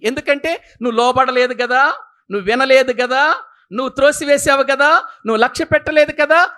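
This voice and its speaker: Male preacher, bright forceful tone, emphatic sermon delivery that keeps questioning the congregation. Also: very high-pitched. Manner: emphatic, fires rhetorical questions at listeners.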